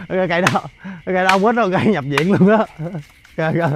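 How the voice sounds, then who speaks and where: A man doing excited commentary outdoors for a ghost-hunting vlog, stammering and repeating words in bursts. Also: sits high, fairly quick, background noise.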